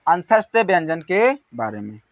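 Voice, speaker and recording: A man teaching an exam-prep grammar lesson, asking questions and answering them himself, calling out syllables one by one and trailing off softly. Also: on the high side, very animated, moderate pace, no echo, highs cut off.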